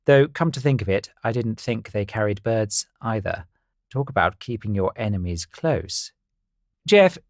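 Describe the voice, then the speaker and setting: A man narrating a storybook in the first person, wry and dry in manner. His pitch moves in a lively way. The recording is close and dry. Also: no echo.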